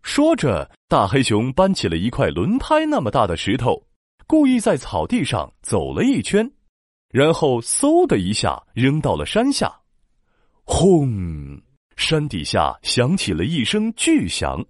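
Very animated male storyteller. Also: medium pitch, unhurried, dry recording, clean studio sound. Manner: animated, expressive. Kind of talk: children's story narration.

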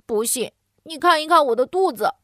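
A woman's voice: sits high, expressive, moderate pace, fairly bright tone, no room sound, studio quality, pitched above the performer's own voice. A woman voicing a grumpy, pouting little boy piglet in a storybook. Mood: huffy. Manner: whiny, huffy, pouting.

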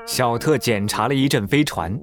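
A man narrating a scripted children's story in a dramatic, expressive way. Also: mid-range voice, moderate pace. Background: prominent music.

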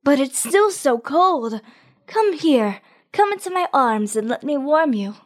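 A woman voicing a warm, motherly sunshine in a storybook reading, soothing and calm. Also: a little high, takes it slowly. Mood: gentle.

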